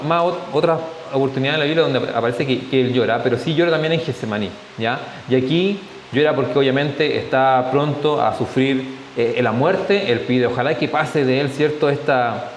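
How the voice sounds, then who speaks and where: A man's voice: mid-range voice, normal speed. A man with a Chilean accent giving a conversational church Bible study, often checking in with his listeners and slipping in jokes. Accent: Chilean Spanish. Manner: conversational, often adds tag questions, jokes. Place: church hall. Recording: echoey hall, faint hiss.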